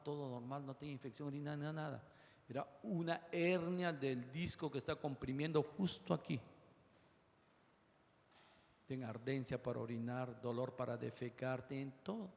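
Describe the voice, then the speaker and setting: A man lecturing medical students on pain, firing off rapid lists of causes and acting out the complaints of patients. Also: mid-range voice, steady tone, vocal fry, darkish tone. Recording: reverberant lecture hall.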